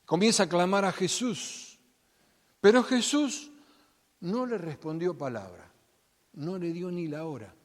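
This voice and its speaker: Pastor guy, high voice, dramatic sermon, acts out the characters, big echoey church hall. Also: lively intonation, measured pace, long pauses. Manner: dramatic, acts out Bible voices, swings loud and soft. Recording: long hall reverb.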